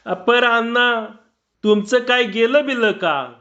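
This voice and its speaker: A man's voice: extremely high pitch, takes it slowly, pushed and bright, pitched above the performer's own voice, heavily acted. A man voicing an eager, curious village man who asks questions in a raised voice. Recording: dull lo-fi recording.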